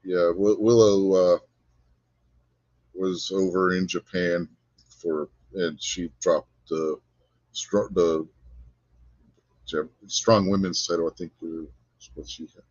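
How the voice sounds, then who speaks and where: A man's voice: sits low, steady tone, takes it slowly, pauses often, darkish tone, no echo, highs cut off. A man co-hosting a casual podcast chat, giving blunt, dismissive opinions. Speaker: podcast co-host.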